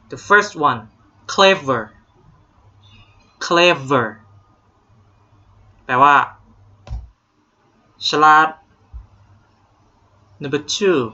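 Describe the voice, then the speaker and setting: On a dull, lo-fi home recording, a young Thai man with a fairly high, pushed, bright voice teaches English vocabulary online. Joking playfully with students in his Thai accent, he drills each word with exaggerated pronunciation.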